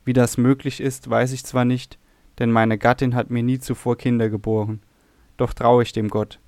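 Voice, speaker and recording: A man's voice: medium pitch, level tone, normal speed, darkish tone, no echo, lightly acted. A man voicing a cheerful, eager older nobleman. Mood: joyful.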